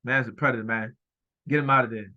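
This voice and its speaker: A man's voice: medium pitch, steady tone, quick pace, highs cut off. A man giving heated, repetitive running commentary over a video, speaking emphatically and accusingly.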